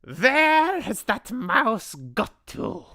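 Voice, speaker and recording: A woman voicing a shrieking, imperious old witch leader in a storybook reading, with a shrill, hissing, theatrical delivery. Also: big pitch swings, very slow, pushed and bright, no room sound, clean studio sound, full character voice. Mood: snapping.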